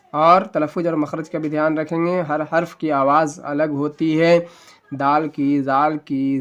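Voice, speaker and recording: Fairly high in pitch and fairly bright in tone, a male Quran teacher leads a spelling lesson one letter at a time. He explains the reading rules with patience, slowly spelling each syllable and then lengthening the joined word.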